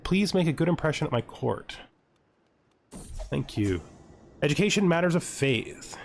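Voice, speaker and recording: Speaking a little slowly, this man has a fairly high pitch, lively intonation, and vocal fry. He's a gaming host narrating a playthrough casually, reading on-screen text and thinking aloud, over music with slight background noise.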